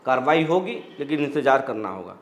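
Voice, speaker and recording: A man's voice: medium pitch, big pitch swings, brisk. A male news channel host explaining a topic and reading viewer comments aloud in a reassuring, explanatory way. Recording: roomy echo.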